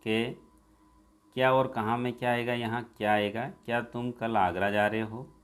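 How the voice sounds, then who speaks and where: A male teacher working through a school workbook. He reads each exercise aloud and then gives the answer, slowing down and stressing the jumbled sentences. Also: medium pitch, steady tone, clean tone. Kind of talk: workbook lesson walkthrough.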